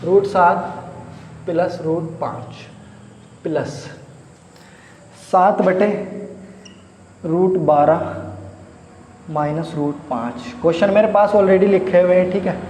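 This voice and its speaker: A man's voice: high voice, slow, pauses often, warm tone. A male math teacher giving a chatty, coaxing blackboard lesson, quizzing his students as he works. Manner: chatty, coaxing, asks the class questions. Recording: echoey room with faint noise.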